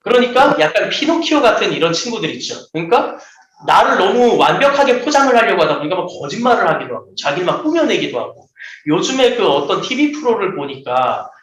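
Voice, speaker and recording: A man's voice: high-pitched, brisk. A man preaching a sermon to children, telling stories and acting out the voices of the people in them. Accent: Seoul Korean. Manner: lively, acts out quoted voices. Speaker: children's pastor. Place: church hall. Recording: echoey room.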